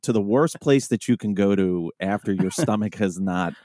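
Brief: low-pitched male cop co-host, rambling profane anecdotes, sleepy morning tone. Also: normal speed, warm tone, no echo, studio quality. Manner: loose, profane storytelling. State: groggy early morning. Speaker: podcast co-host, police officer. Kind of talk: casual chat.

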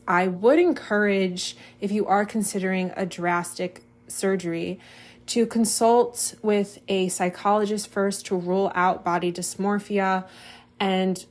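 Earnest woman hosting a solo podcast. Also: medium pitch. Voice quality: earnest, heartfelt delivery. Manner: chatty, friendly storytelling; reads her own writing slowly and with feeling. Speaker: podcast host and life coach.

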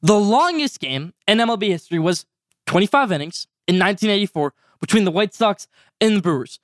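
A fifteen-year-old boy hosting his own sports podcast, talking energetically and stretching out segment names when excited. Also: high voice, brisk, no room sound, studio quality. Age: teens. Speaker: podcast host. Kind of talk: solo sports podcast commentary.

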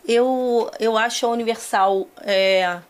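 A woman's voice: fairly high pitch, fairly even intonation, slow pace. A woman guest in a casual podcast chat, telling her story with animation and acting out her own panic.

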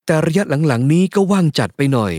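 Lively male audiobook narrator. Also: fairly high pitch, fast, no room sound, clean studio sound. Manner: lively, expressive storytelling. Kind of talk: first-person novel narration.

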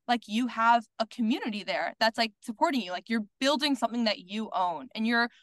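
A woman's voice: a little high, animated, fairly quick, fairly bright tone, no room sound. A woman guest on a podcast, talking candidly and outspokenly in casual conversation, peppered with "like" and the odd swear word. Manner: filler-heavy with many "like"s. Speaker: podcast guest, content creator.

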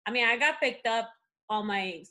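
A native Spanish speaker with a Spanish accent, this woman is a podcast guest in casual conversation, telling stories in an animated way with many fillers. Her voice is on the high side and she talks at a normal speed.

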